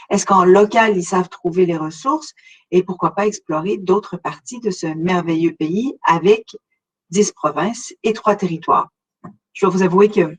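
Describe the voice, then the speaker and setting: The recording quality is low, and the woman's pitch is fairly low. She is a middle-aged relocation consultant from Montreal, Canada, with a Québécois accent, giving a conversational webinar aimed straight at her listeners and marked by frequent hesitations.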